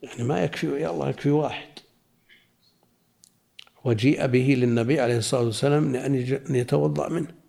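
A man teaching a lesson, slowly reading a classical religious commentary aloud and explaining it in plain spoken asides. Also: mid-range voice, fairly even intonation, vocal fry, warm tone.

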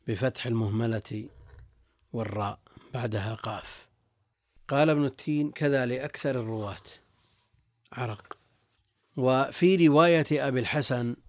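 A male religious scholar, appearing as a guest teacher, reads and explains texts in formal classical Arabic, repeating phrases as he goes. His mid-range voice is captured in a dry, studio-quality recording.

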